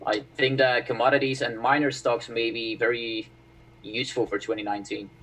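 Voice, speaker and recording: A relaxed man born in Bulgaria chats about stocks on a live stream. His voice sits at an ordinary pitch and sounds a little distant from the mic. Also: brisk. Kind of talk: casual stock-market chat on a live stream.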